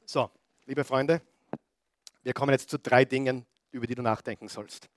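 Animated pastor preaching. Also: male voice, mid-range voice, moderate pace, slight background noise. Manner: animated, peppers congregation with rhetorical questions; swings between loud emphatic bursts and quiet asides. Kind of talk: sermon.

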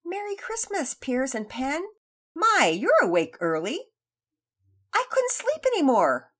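A woman voicing a cheerful, gentle father in a read-aloud story, explaining things patiently to his children. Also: high-pitched, wildly swooping pitch, measured pace, pitched above the performer's own voice, heavily acted. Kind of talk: storybook reading.

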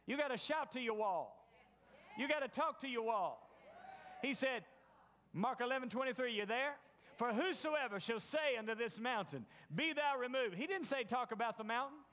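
A man's voice: very high-pitched, expressive, moderate pace, bright, forceful tone, in a large hall. A man preaching a sermon in a folksy, storytelling way, acting out the voices of doubters.

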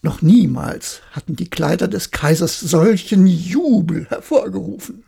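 A woman narrating a fairy tale as a calm, measured bedtime reading for children. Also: on the low side, creaky, breathy edge. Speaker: storyteller.

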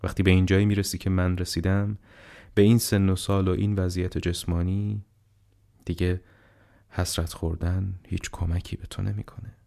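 A man reading the part of a frail, dying old man who speaks slowly, haltingly and on the edge of tears. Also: sits low, little pitch movement, gravelly, warm tone. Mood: gently urging. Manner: slow, halting, tearful.

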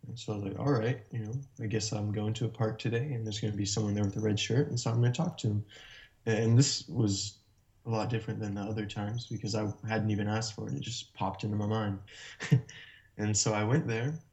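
A man guest telling a personal story in a casual, animated way, often laughing between sentences. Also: lowish voice, fairly quick. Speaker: interview guest. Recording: muffled lo-fi sound.

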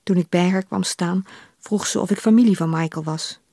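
Woman reading literary fiction on radio, measured pace, dry close studio mic. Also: fairly low pitch, warm tone, no room sound. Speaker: reader of her novel.

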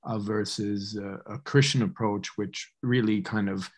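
A man's voice: lowish voice, steady tone, a little slow. Male podcast host asking questions. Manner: conversational, hesitant restarts. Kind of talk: podcast interview.

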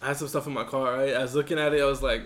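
A man's voice: mid-range voice, steady tone, very fast. A man co-hosting a casual chat, joking around and swearing often. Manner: joking, profane banter. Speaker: podcast co-host.

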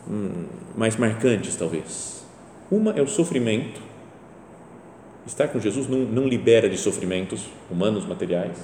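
A man giving a conversational sermon, often checking in with "né?" and lifting his voice for emphasis. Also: dark tone. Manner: conversational, rises in pitch and volume for emphasis, often asks "né?". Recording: echoey hall with faint rumble.

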